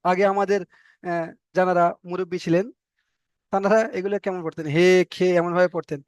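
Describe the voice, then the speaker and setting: A man's voice: high voice, flat delivery, a little fast, darkish tone, clear, resonant tone, dry recording. A man teaching Arabic letter reading in a patient, explanatory way, with a Bengali accent, repeating letter names and stretching sounds to demonstrate. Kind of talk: explanatory online lesson.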